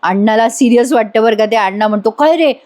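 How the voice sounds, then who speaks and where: A woman narrates a voice-over recap of a TV serial episode in a chatty, amused manner. Her voice is high. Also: fairly even intonation, quick pace, a little mellow.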